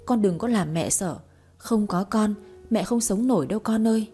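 A woman's voice: mid-range voice, normal speed, warm tone, breathy edge, soft background music, natural voice. A woman reading a story, voicing a distraught young mother who pleads in tears. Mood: tearful pleading. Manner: tearful, pleading.

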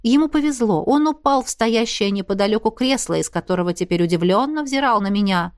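A woman narrating a first-person fantasy audiobook in an expressive, even storytelling manner, close to the mic. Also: a little high, brisk. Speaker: audiobook reader.

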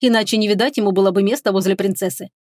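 A woman reading a fantasy novel aloud as audiobook narrator, in a measured, expressive manner. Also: medium pitch, dry recording, clean studio sound.

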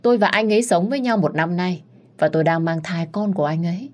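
A woman voicing a scheming pregnant young mistress who whines and snaps in a sharp tongue. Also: sits low, steady tone, fairly quick, breathy edge.

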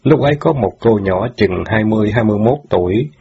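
A man narrates a story steadily and calmly. His voice is low and husky. The recording sounds dull and lo-fi. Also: fast talker. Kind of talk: audiobook narration. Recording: dull lo-fi audio.

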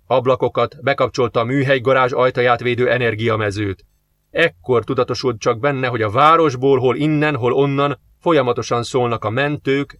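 A man narrating an audiobook in a steady, measured reading. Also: medium pitch, no echo. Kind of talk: scripted narration.

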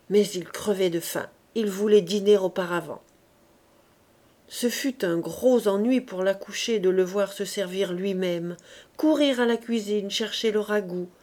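A woman narrating a classic novel as an audiobook, in a measured, expressive way. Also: mid-range voice. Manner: measured, expressive literary reading. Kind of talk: reading a classic novel aloud.

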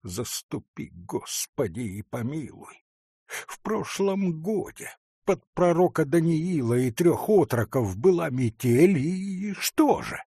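A man doing a hoarse, grumbling village sexton. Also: fairly high pitch, sing-song, takes it slowly, dark tone, no echo, clean studio sound, pitched above the performer's own voice, heavily acted. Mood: tearful. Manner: hoarse, grumbling, tearful accusing mutter. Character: frightened superstitious village sexton, middle-aged man.

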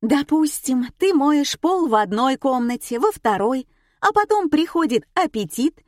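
A woman's voice: high-pitched, animated, unhurried, no room sound, studio quality, pitched above the performer's own voice. A woman voicing a flustered female radio quiz host who squeals and lectures, in an audiobook. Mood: exasperated. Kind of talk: audiobook character voice.

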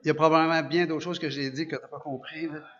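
A man with a Quebec French accent preaching a sermon, animated, asking rhetorical questions and often restarting his sentences. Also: fairly high pitch, fast talker. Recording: dull lo-fi recording.

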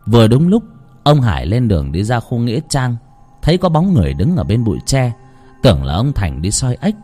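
A man narrating a ghost story with expressive delivery. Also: medium pitch, a little fast, faint music behind.

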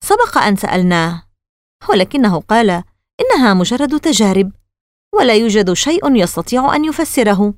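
A woman narrates a children's novel for an audiobook, reading the script with expressive storytelling. Her voice is mid-range and her pace brisk, captured as clean studio sound with no room noise.

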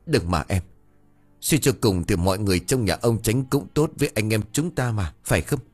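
A man voicing a gentle older brother, a servant, earnestly coaxing his sister to stop in an audio ghost story. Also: lowish voice, expressive, moderate pace, faint music behind. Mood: pleading.

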